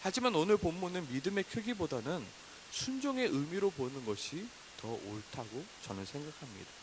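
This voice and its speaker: A man in his thirties preaching a sermon, animated and acting out complaining prayers in a raised voice. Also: fairly high pitch, normal speed. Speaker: pastor. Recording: faint hiss.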